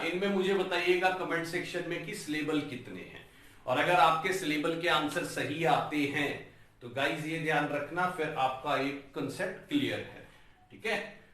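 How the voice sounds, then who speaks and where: A man teaching an English lesson, sounding out words slowly syllable by syllable and calling his viewers guys. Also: fairly high pitch, pushed and bright, distant mic. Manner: breaks words into slow, drawn-out syllables, addresses viewers as guys. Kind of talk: classroom-style lesson on a whiteboard. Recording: very echoey room, voice from off-mic.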